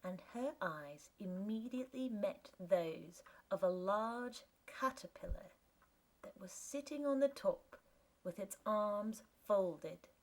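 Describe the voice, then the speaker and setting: Unhurried female audiobook narrator. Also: mid-range voice. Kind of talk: scripted narration.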